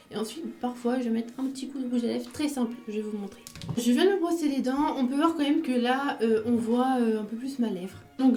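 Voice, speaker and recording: A woman's voice: a little high, dark tone. A woman chatting casually through her makeup routine step by step, with small fillers as she goes. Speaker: beauty vlogger.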